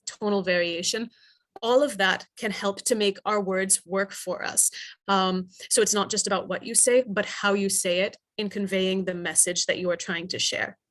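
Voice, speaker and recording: A middle-aged woman giving interview advice in a webinar, speaking clearly with deliberate emphasis and pauses. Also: medium pitch. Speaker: interview coach. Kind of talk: webinar presentation.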